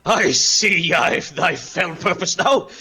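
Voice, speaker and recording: A man's voice: sits high, slow, full character voice. A man voicing a boastful, pompous dragon-kin warrior who talks about himself in grand, old-fashioned words. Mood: grandiose. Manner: grandiose, archaic, shouting battle cries.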